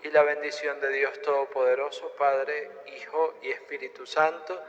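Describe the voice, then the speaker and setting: A priest, fairly high for a man, speaks in a measured, solemn liturgical cadence. His voice carries the long echo of a large church. The recording sounds dull and lo-fi. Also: level tone. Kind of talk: leading mass prayers and blessing. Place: church during mass.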